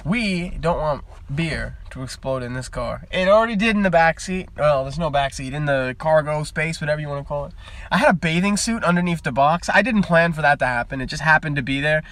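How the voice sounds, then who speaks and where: Young male streamer, casual and rambling, a touch higher than most, talking into a phone in his parked car. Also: lively intonation, fairly quick, a bit bright. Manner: rambling, chatty, easily sidetracked. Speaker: live streamer. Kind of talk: casual live-stream chat.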